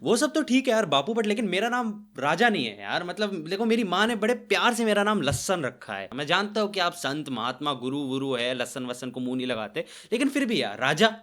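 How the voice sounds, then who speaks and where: A man's voice: high voice, sing-song, brisk, hardly any pauses, a bit bright. A young man hosting a comic reaction video, sarcastic and theatrical, with mock outrage. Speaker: host.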